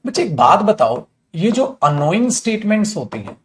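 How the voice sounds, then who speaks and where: A man's voice: high-pitched, very animated, moderate pace, slight background noise. A man teaching an English grammar class in Hindi, calling students "beta" and acting out angry scolding examples. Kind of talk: live online grammar class.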